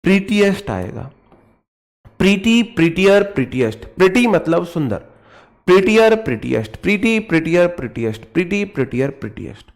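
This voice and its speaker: A man's voice: high voice, sing-song, normal speed. A young man with a North Indian Hindi accent teaching English grammar in an online class, joking with and playfully scolding his students as he drills words.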